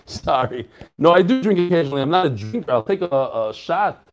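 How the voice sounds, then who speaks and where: Brief: male Talmud teacher, slightly high voice, chatty and jokey, casual class with lots of self-corrections. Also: a little fast, over music. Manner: joking and animated, sprinkles in Hebrew and Yiddish terms; frequent restarts and self-corrections.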